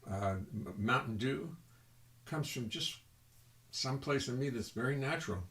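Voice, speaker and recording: An older man from the American South, a bassist and singer, chatting loosely and with self-mockery between folksy songs. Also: lively intonation, normal speed. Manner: rambling, self-mocking, sings folksy tunes. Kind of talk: live-stream chat and song. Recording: roomy sound with loud music behind.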